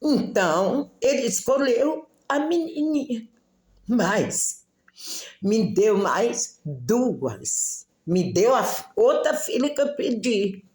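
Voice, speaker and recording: Lady sharing a church testimony, slow and emotional, echoey room. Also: a little high, very animated, darkish tone. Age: middle-aged. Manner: emotional storytelling, acting out dialogue. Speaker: church member giving testimony. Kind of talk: religious testimony.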